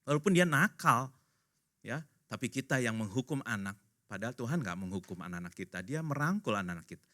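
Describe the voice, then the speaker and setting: A pastor in his fifties preaches into a stage microphone, his bright voice swinging widely in pitch. He keeps the sermon light, jokes with the congregation and acts out each person he quotes. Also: brisk. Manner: animated storyteller, acting out quoted voices; casual, joking, addresses congregation directly. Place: church service.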